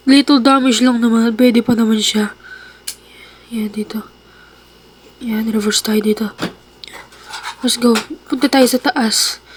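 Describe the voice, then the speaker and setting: A young woman vlogger narrating a horror game role-play, excitable, with sudden screams and quiet asides. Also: sits high, slight background noise.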